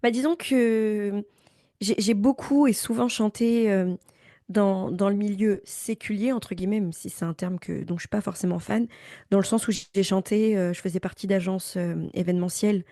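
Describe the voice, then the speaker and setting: A young woman from Paris speaks as a guest in a relaxed interview. Her voice is dark and mellow, recorded close and dry. She talks thoughtfully and pauses often, repeating small words as she works out her answers. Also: mid-range voice, no echo. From Paris, France. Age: young adult. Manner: thoughtful, many hesitations and repeats. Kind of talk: casual interview talk.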